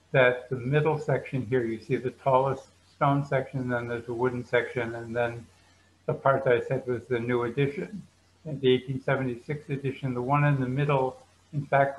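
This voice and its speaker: A man's voice: medium pitch, a little hiss or hum, poor audio. A man guiding viewers through a slideshow tour of a museum building, explaining at an easy pace with frequent ums.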